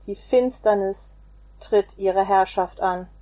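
A woman voicing a calm male teacher in a slow, measured, solemn way. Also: medium pitch, lightly acted.

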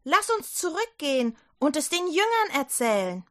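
A woman voicing Maria, an eager young female follower who talks in an excited, raised voice. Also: high voice, moderate pace, voice pushed up. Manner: excited, breathless.

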